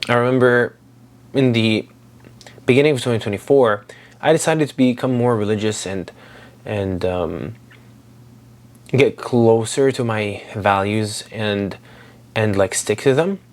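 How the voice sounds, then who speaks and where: This man in his twenties, originally from Syria, reflects aloud in his daily vlog in a low-leaning voice, speaking at a measured pace with long pauses. He rambles, using many fillers and restarting often.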